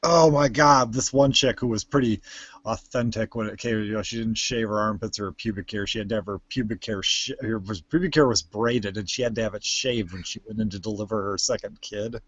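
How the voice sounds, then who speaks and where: A man's voice: lowish voice, fairly quick, fairly bright tone, no room sound, lo-fi sound. A man chatting casually as co-host of a live stream, rambling with lots of restarts and fillers, recorded on a home computer mic. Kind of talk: casual chat.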